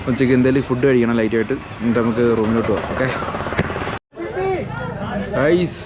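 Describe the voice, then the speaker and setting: A man's voice: medium pitch, steady tone, fast, very noisy. Malayali man vlogging, mixing Malayalam and English. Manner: mixes Malayalam with English words and phrases. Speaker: travel vlogger. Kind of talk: casual vlog chat to viewers. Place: outdoors around a hill town and forest. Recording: outdoor street sound with background chatter.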